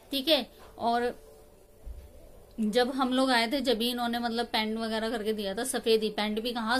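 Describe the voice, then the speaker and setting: Chatty woman vlogger, a bit high. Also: slight background noise. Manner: rambling, emotional, many restarts and fillers. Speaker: family vlogger. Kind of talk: casual chat to viewers. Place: rented room at home.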